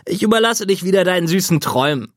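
A man voicing a brash, teasing teenage boy who talks loud and cocky, with his voice pushed well above his own. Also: high-pitched, expressive, fast, no echo, studio quality, pitched above the performer's own voice.

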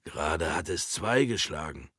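A man voicing a gruff scarred man who leads a group of boys, talking low and curt. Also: animated, moderate pace, a bit bright, dry recording, studio quality, exaggerated voice. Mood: hushed. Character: gruff scarred man, leader of the child transport.

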